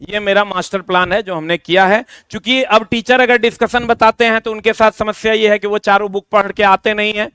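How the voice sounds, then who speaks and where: High, smooth-voiced male teacher. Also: bright, forceful tone, no echo. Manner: informal, repetitive, addresses students directly. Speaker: coaching teacher. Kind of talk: promotional explanation to exam students.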